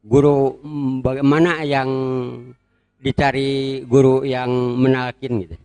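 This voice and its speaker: A man in the audience asking a question at a religious lecture, halting and hesitant, with many fillers. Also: medium pitch, flat delivery, a little mellow, no room sound.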